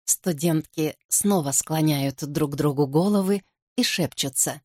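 A woman narrates a novel in first person, measured and composed. Her voice sits low for a woman, and the recording is dry and close with no room sound. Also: a little mellow, no echo. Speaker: audiobook narrator.

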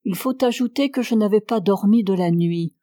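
A woman reading a novel aloud in a measured, even narration. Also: mid-range voice, dry recording, clean studio sound. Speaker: audiobook reader.

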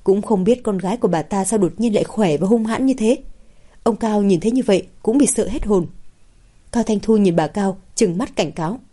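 A woman's voice: medium pitch, brisk, dark tone. A woman reading a novel aloud as narrator. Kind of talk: scripted audiobook narration.

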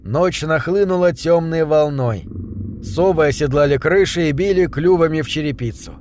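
A man narrating a novel in an even, measured storytelling manner. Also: fairly high pitch, slight background noise. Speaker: audiobook narrator. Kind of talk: scripted narration.

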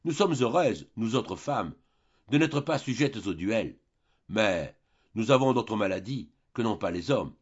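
A man's voice: on the low side, big pitch swings, measured pace, slightly rough, lo-fi sound, heavily acted. A man voicing a chattering older female boarding-house keeper in an audiobook, with a rambling, gossipy delivery.

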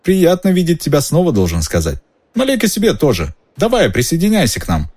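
A man's voice: a little high, wildly swooping pitch, fairly quick, darkish tone, breathy edge, pitched above the performer's own voice, exaggerated voice. A man voicing a stout, pompous government minister with a confiding, ingratiating manner in an audiobook. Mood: jovial. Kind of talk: audiobook character voice.

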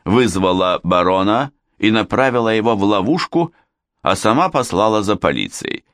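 A vengeful older Frenchwoman, cornered and snapping back, in an audiobook read aloud by a man. The voice sits low yet swings widely in pitch. The recording is close and dry. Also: animated, moderate pace, fairly bright tone, no echo. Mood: spiteful. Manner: snappish, bitter confession. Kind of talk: audiobook character voice.

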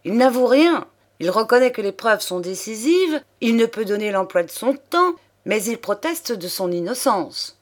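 A woman's voice: fairly high pitch, sing-song, moderate pace, pitched above the performer's own voice. A woman voicing a stern, remorseful male investigating magistrate in an audiobook reading. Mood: impatient. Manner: bitter, curt.

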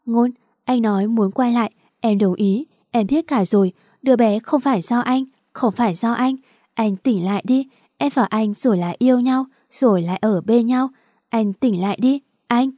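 A woman's voice: a little high, moderate pace, warm tone, no room sound, studio quality, natural voice. A woman voicing a grief-stricken young woman who pleads tearfully with her lover. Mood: pleading tearful.

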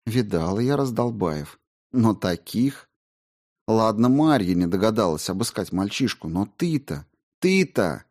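A cold, scheming sorceress who scolds with open sarcasm and quiet threats, read by a man. The voice stays low and only lightly altered. An audiobook character. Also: big pitch swings, measured pace. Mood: sarcastic scolding.

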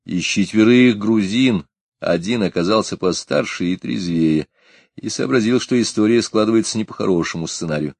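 A man narrating an audiobook in an expressive reading style. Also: lowish voice, normal speed, gravelly, no room sound. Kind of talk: scripted narration.

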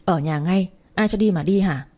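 A woman's voice: fairly low pitch, normal speed, darkish tone, natural voice. A woman voicing a stern middle-aged mother who scolds and commands. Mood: scolding.

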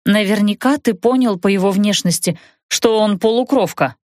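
A woman's voice: medium pitch, normal speed, dry recording, clean studio sound, natural voice. Woman reading as a cautious, wry widow. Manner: careful, quietly sly. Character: cautious, wry young widow in a dark cave. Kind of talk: audiobook narration.

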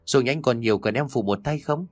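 A man's voice: mid-range voice, a little fast, no room sound, soft background music, pitched above the performer's own voice, natural voice. A pleading ghost girl, as a man puts her on. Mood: coaxing. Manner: soft, tearful pleading. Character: pale weeping ghost girl, cold and pleading.

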